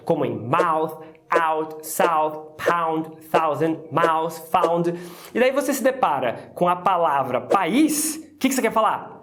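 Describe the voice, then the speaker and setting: A Brazilian woman teaching English pronunciation in a playful, chatty way, with exclamatory asides. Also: lowish voice. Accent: Brazilian Portuguese. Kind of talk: casual explanatory lesson.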